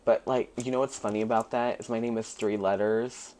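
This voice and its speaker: A man's voice: lowish voice, steady tone, a little fast, darkish tone. A man who performs as a drag queen, chatting casually as a guest, giggling and swearing freely in a playful way. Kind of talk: casual chat.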